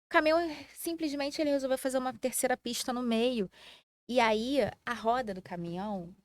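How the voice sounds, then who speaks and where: A Brazilian woman, an engineer and podcast guest, telling a personal story in a fast, animated way. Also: fairly high pitch, dry recording, clean studio sound. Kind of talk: casual storytelling chat.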